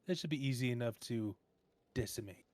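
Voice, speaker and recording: A man's voice: medium pitch, fairly quick, a little mellow, dry recording. A man playing a tabletop game, chatting casually and joking as a player.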